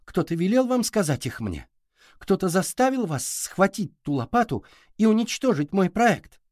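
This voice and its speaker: A man's voice: sits high, sing-song, moderate pace, a little mellow, dry recording, clean studio sound, pitched above the performer's own voice. A man voicing a determined young girl inventor who presses with eager questions.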